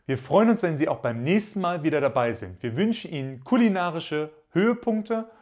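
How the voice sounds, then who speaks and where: A young man presents a product in a polished, scripted way, formal and courteous. His voice sits somewhat high for a man. Recorded in a studio on a mic kept out of shot. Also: very animated, normal speed, a little mellow. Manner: formal, polite, promotional delivery. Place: studio in front of a gray backdrop.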